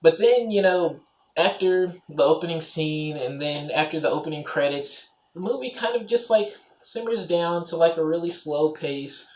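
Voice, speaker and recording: This is a casual, rambling movie review from a man whose voice is a little high and whose pace is moderate. He leans on fillers such as "you know" and "like," and the home recording has a roomy echo.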